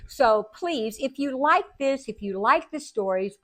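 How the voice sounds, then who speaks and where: A woman's voice: high-pitched, lively intonation, measured pace, fairly bright tone. A woman vlogging, telling family stories to camera in a chatty, earnest way and laughing often. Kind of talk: casual storytelling to camera.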